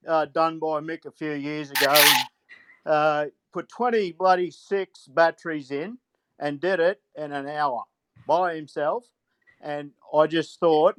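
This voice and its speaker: A man's voice: on the high side, fairly bright tone, clear, resonant tone, no echo, rough recording. A man with a broad Australian accent chatting casually as a blokey caller, repeating himself and swearing mildly and often. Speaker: phone-in caller, truck driver. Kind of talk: casual rambling chat.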